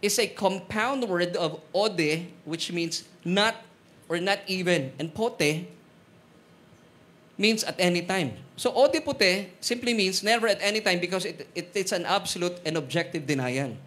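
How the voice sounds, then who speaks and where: A man with a Filipino accent preaching a sermon, mixing Tagalog and English, joking with the congregation and slowing down on Bible verses. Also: high voice, animated, a bit bright. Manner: switches between Tagalog and English, jokes with congregation; slows to stress Bible verses. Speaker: pastor. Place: church hall.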